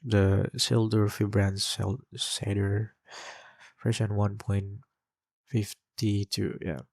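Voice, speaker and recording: A young man hosting a gaming channel talks in a lowish, creaky, darkish voice with an Indonesian accent. He takes it slowly and flatly, rambling while he plays with many fillers and restarts. The clean studio sound has no room noise.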